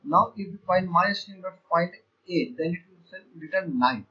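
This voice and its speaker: A man gives a coding lesson, explaining each step and counting positions out loud with many fillers and self-corrections. His voice sits high. The recording is dull and lo-fi. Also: lively intonation, moderate pace. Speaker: programming teacher. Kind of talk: screen-share coding lecture. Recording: dull lo-fi sound.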